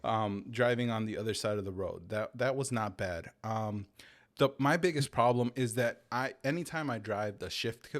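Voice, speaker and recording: Excitable young man telling stories. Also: lowish voice, moderate pace. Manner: animated storyteller, excitable. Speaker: podcast host. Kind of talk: casual chat.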